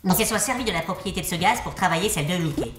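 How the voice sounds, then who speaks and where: A science presenter speaking in a squeaky helium voice for a comic demonstration. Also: expressive, racing, roomy sound, background noise, natural voice. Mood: playful. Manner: helium voice, squeaky from inhaled gas.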